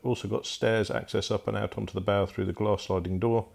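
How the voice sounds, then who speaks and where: Male broker, low gravelly voice, casual unscripted tour with lots of fillers, phone-recorded indoors. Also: little pitch movement, fairly quick, a little mellow. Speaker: boat broker. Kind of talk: walkthrough tour narration. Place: inside a wooden barge cabin.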